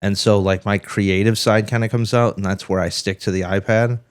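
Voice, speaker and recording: A man's voice: on the low side, steady tone, a little fast, clean tone, no room sound. A man co-hosting a podcast in casual chat, rambling and swearing freely, a bit under the weather. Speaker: podcast co-host.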